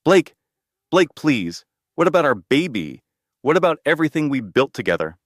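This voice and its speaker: A man voicing a desperate, pleading young pregnant wife in a dramatic storybook narration, his pitch lifted high as she begs and cries out. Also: animated, moderate pace, dry recording, studio quality, lightly acted. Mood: screaming. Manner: pleading, rising to screams.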